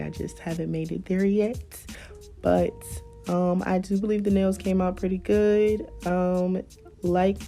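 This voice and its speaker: A young woman in her twenties talks through a nail tutorial in a relaxed, chatty way, her voice hoarse from illness and low in pitch. There is a gravelly fry to her speech and a mellow, dark tone. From South Carolina, US. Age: 20s. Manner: chatty and laid-back, with soft laughs and fillers. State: hoarse from being sick. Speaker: beauty vlogger. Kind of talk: casual nail tutorial voice-over.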